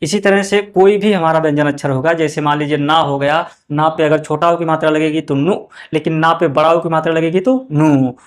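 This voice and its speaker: High-voiced man teaching vowel signs. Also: level tone. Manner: slow and drawn out on example words, repeating each twice; asks the class questions and answers them himself. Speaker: Hindi teacher. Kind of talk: explaining to young pupils.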